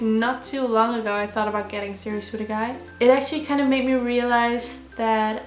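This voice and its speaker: A woman's voice: on the high side, echoey room. A young woman from the Netherlands with a Dutch accent, answering fan questions in a casual, sarcastic, swear-heavy vlog. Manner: sarcastic, profane, rambling. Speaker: vlogger.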